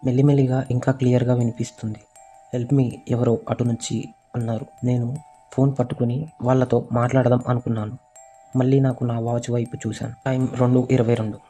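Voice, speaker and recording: A man narrating a first-person horror story in a steady, monotone voice. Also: medium pitch, quick pace, faint music behind.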